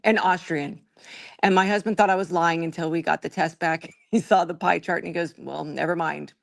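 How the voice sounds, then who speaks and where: A woman's voice: fairly low pitch, steady tone, brisk, gravelly. A woman guest on a live stream, chatting casually and telling laughing anecdotes. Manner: laughs often, tells anecdotes.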